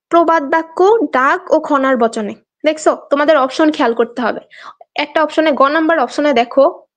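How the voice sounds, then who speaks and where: A young woman from Bangladesh teaches a live online exam class in a high voice. She talks in a chatty, coaxing way and reads out her students' answers.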